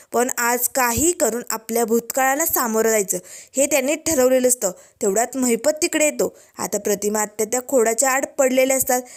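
A woman narrating a recap of a TV serial episode in a dramatic, steady way. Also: sits high.

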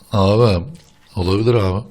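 A man's voice: lowish voice, a little mellow. A young man hosting a casual gameplay session, chatting, laughing often and arguing playfully with his friend. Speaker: gaming channel host.

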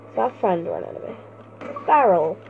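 A young woman giving playful, excitable let's play commentary and talking back at the game as she plays. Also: mid-range voice, fairly quick, vocal fry. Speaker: gaming channel host. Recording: tinny phone-like mic sound.

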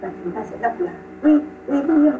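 A woman's voice: high voice, expressive, normal speed, recorded from a distance. Woman, pronunciation teacher on a video call. Repeats and models sounds, praises students. Tinny phone-like audio with music under it. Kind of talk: online pronunciation lesson.

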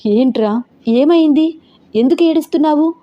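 A woman's voice: high-pitched, normal speed, dull audio, pitched above the performer's own voice, close to an everyday voice. A woman voicing a caring father who soothes his crying daughter in a tender manner.

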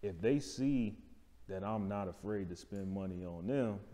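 A fairly low, warm male voice, a little slow, belongs to a barbershop owner being interviewed. He explains things casually in plain, colloquial language and keeps checking in with the listener. The lapel mic picks him up in an indoor lounge-style studio with noticeable reverb.

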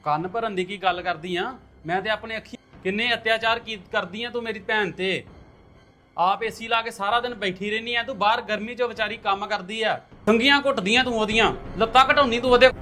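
A man's voice: sits high, fairly quick, bright, forceful tone. A man playing an angry young husband who accuses his wife in a family drama, repeating her words back in outrage.

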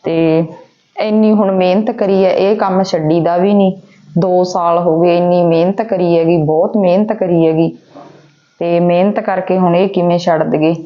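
A woman's voice: on the low side, fairly even intonation, normal speed. A woman chatting casually to vlog viewers, exclaiming and repeating phrases for emphasis. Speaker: home vlogger. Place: at home, kitchen and outdoor upper level. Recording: dull lo-fi sound with faint noise.

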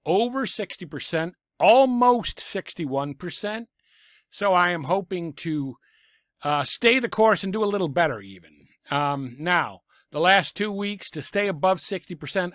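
Seated at a desk microphone in a small home room crammed with sports memorabilia, a middle-aged vlogger runs through casual football picks, blunt and sarcastic about teams and coaches. A lingering cough leaves his voice raspy; it sits on the high side with a fairly bright tone. The recording has studio quality and no echo.

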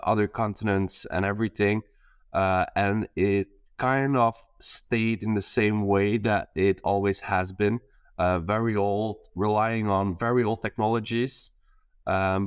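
A Belgian startup founder in his thirties speaks as a guest in a casual video-call interview, hesitant and full of fillers and restarts. He is in a bright attic room with a skylight. His voice is lowish and clean, with no room sound and clean studio sound.

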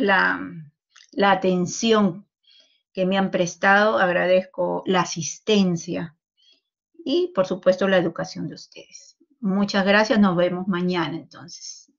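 A woman giving a university medical lecture, explaining calmly and tagging her sentences with a questioning "no". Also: medium pitch, a little slow, gravelly, muffled recording. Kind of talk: university lecture over a call.

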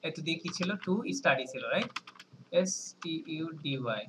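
A man teaching a French lesson on a video call, explaining slowly, spelling words letter by letter and often checking in with his students. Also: fairly high pitch, expressive, a bit bright, a little hiss or hum, rough recording. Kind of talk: online language lesson.

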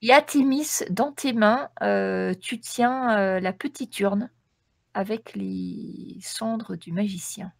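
A woman's voice: medium pitch, takes it slowly, gravelly, no echo, clean studio sound. A woman game master narrating a tabletop role-playing game in a descriptive storytelling manner.

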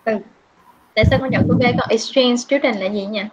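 With a slightly high voice that has a breathy edge, a Vietnamese woman teaching English questions her students patiently during an online video-call class. Her prompts are drawn out, and the recording has a dull lo-fi quality.

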